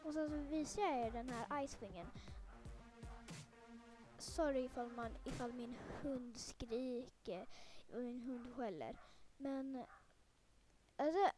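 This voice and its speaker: High-voiced girl, chatty gaming commentary. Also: pauses often, over music. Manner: chatty and rambling, many fillers, turns excitable and panicky during play. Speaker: gaming video creator. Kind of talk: casual let's-play commentary.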